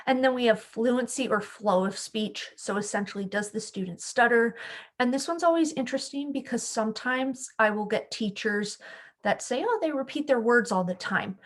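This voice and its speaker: A young adult woman, a school speech-language pathologist, explaining a form step by step in a friendly, steady way. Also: on the high side. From California. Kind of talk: screen-share tech tutorial.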